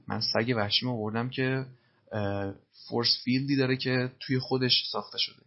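A man's voice: mid-range voice, fairly even intonation, lo-fi sound. A man teaching English through film lines, explaining phrases patiently and methodically. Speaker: language teacher.

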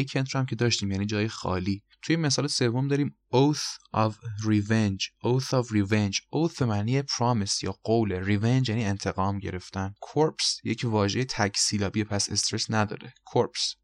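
A man with a Persian accent and a low voice works through a vocabulary lesson, spelling words letter by letter and repeating each pronunciation. He is recorded dry and close, with no room sound. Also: hardly any pauses, no echo. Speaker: English vocabulary teacher.

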